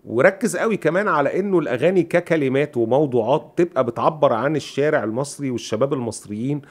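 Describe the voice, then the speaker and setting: Rapid-talking Egyptian man telling stories. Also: medium pitch. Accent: Egyptian Arabic. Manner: rapid, animated retelling with quoted dialogue. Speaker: podcast co-host. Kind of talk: casual storytelling chat.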